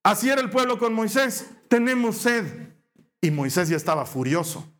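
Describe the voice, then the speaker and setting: A middle-aged man with a Bolivian Spanish accent preaching a sermon, retelling scripture as a lively story and acting out the characters' lines. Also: a little fast. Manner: storytelling, acts out dialogue with shifting pitch.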